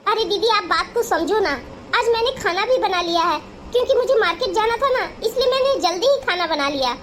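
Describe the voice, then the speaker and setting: A woman's voice: very high voice, lively intonation, a little fast, a bit bright, slight background noise. A woman playing a meek, tearful young bride. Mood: pleading. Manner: pleading, apologetic, tearful. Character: meek young daughter-in-law, easily hurt. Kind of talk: Hindi cartoon voice acting.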